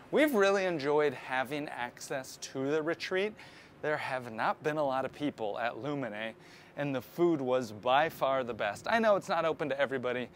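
A cruise vlogger in his thirties gives a chatty, upbeat walking tour of a cruise ship's interior and decks, talking to a handheld camera at arm's length. His voice is medium-pitched and a bit bright, with slight background noise.

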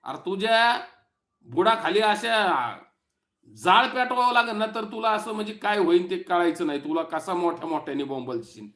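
A man's voice: high voice, moderate pace, pushed and bright, reverberant. A man giving an angry, mocking political rant to his online audience, full of insults and taunts. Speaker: YouTube commentator.

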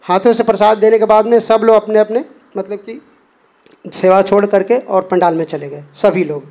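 A man with a noticeably high voice recounts a personal devotional experience. He tells it earnestly and slips into the voices of the people he quotes. The delivery is plain spoken testimony, not a reading. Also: fairly even intonation, moderate pace, warm tone. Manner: earnest retelling that acts out quoted dialogue.

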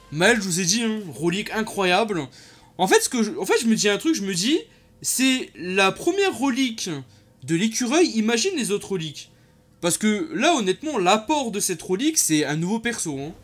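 A young man talks over his gameplay in loose, slang-heavy commentary, breaking into loud excited reactions. His voice sits high for a man. Faint game music plays underneath. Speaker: gaming YouTuber.

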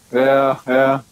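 A man's voice: medium pitch, smooth. A German man speaking English with a German accent, chatting casually and a little hesitantly while playing an online game, in a joking manner.

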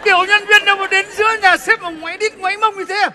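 A man's voice: very high voice, expressive, brisk, big-room sound, crowd noise. An actor playing a pompous, irritable retired official in his sixties, blustering and scolding in a stage comedy sketch. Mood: indignant.

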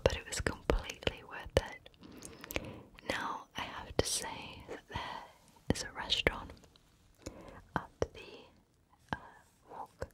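A woman whispering softly and very close to the microphone in an ASMR style, chatting casually and reflectively about her travels. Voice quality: soft unvoiced whisper. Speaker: ASMR creator.

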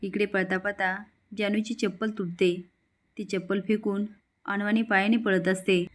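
Woman, storyteller, serial recap narration, plain steady delivery, medium pitch. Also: a little slow.

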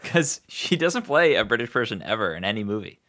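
A young man with a fairly low voice, relaxed and joking as he co-hosts a casual podcast. He talks loosely and trades quips easily. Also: a little fast. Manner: laid-back and joking. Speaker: podcast co-host. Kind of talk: casual chat.

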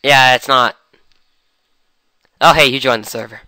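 A young man with a cold, chatting excitedly through a game session. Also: medium pitch, a little slow, dry recording. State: has a cold. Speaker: gamer. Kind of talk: casual game commentary.

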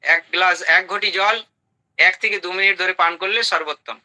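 A man's voice: high voice, a little fast, sharp tone, rough recording. A man giving a health talk to an audience, emphatic, listing items in short bursts and asking rhetorical questions. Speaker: health speaker.

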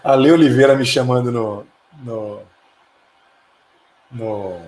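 In an echoey room, a middle-aged man with a Brazilian Portuguese accent and a mid-range, darkish voice hosts a live stream. He reads viewer comments and answers them in a profane, fiery rant, quick to anger in this casual, heated chat.

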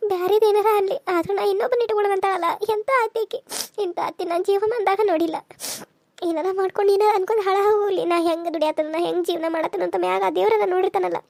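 A woman's voice: very high-pitched, fairly even intonation, rapid-fire, vocal fry, darkish tone, no room sound, studio quality. Woman voicing tearful young widow Kamalavva. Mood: pleading. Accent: North Karnataka Kannada. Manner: tearful, pleading, sobbing complaint. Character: young widowed village mother, grieving and wronged. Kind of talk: cartoon serial dialogue.

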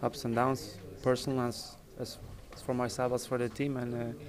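Reporters' phones and handheld mics are held close as a soccer captain in his thirties speaks after a match in a mid-range voice. His answers are even-toned but hesitant, often repeating words. Crowd chatter fills the busy indoor press area, where he stands in front of a sponsor backdrop.

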